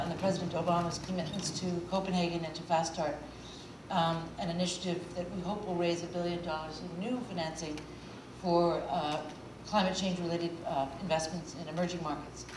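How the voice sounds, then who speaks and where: Middle-aged woman, halting panel answer. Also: lowish voice. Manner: hesitant, many "uh" fillers, listing. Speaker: panelist, finance official. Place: conference stage, indoors. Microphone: lapel mic. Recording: echoey hall, distant mic, noise.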